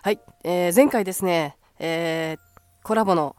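A woman's voice: lowish voice, measured pace, a little mellow, clear, resonant tone, faint music behind. A woman hosting a casual solo radio talk show with a stuffy, nasal voice, chatty and full of fillers and upbeat asides.

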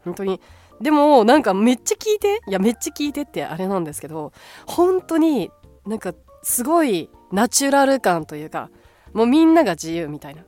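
A woman's voice: fairly high pitch, very animated, a little fast, warm tone, soft background music. A woman hosting a casual solo radio talk show with a stuffy, nasal voice, chatty and full of fillers and upbeat asides.

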